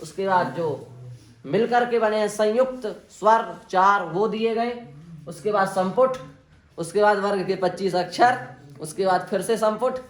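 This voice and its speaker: A man's voice: high-pitched, unhurried, roomy sound. A man teaching Sanskrit grammar to a class, explaining the sounds and having students say them back to check their pronunciation. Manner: drills students on pronunciation, asks them to repeat. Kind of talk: classroom lesson. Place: indoor classroom.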